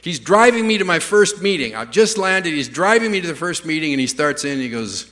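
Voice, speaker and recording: Man, pastor, storytelling sermon, bright tense voice, echoing hall. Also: a little high, very animated, brisk. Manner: rambling anecdotes, stammering restarts, self-deprecating humor. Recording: reverberant church hall.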